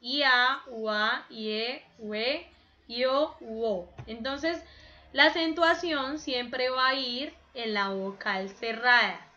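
Woman teacher, high bright voice, slow and patient, dull lo-fi call audio. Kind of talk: online grammar lesson for children.

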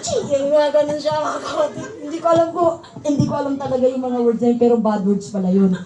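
A woman with a Filipino accent giving a church testimony, telling her story in a lively way with frequent laughter. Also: high voice, fast talker, roomy sound, low-quality recording. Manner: lively storytelling, laughing often, acting out quoted voices. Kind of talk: sermon with personal testimony.

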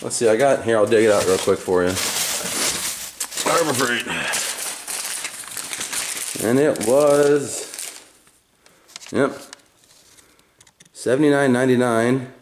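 Speaking in a mid-range voice, unhurried and with long pauses, a man gives a loose, rambling walkthrough of a tool in his home garage while filming handheld. Fillers and self-corrections pepper his laid-back talk. Echo bounces off the concrete floor, with faint background noise.

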